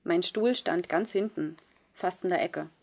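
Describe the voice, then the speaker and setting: A woman reading a first-person novel aloud in a measured, subdued way. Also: fairly low pitch, a little mellow. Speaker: audiobook reader. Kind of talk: scripted first-person narration.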